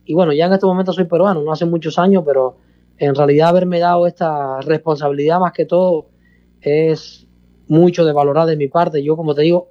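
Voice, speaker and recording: A man's voice: on the high side, dull audio. A middle-aged Cuban man with a Cuban accent, talking casually as a guest in an interview, expansive and repetitive. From Cuba. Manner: expansive, repeats himself, calls host "hermano". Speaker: salsa bandleader guest.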